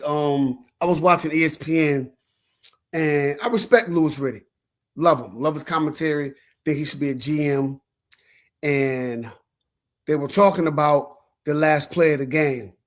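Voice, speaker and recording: A man hosting a casual sports commentary livestream, talking in slang and repeating words when he gets worked up. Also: on the high side. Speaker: sports show host.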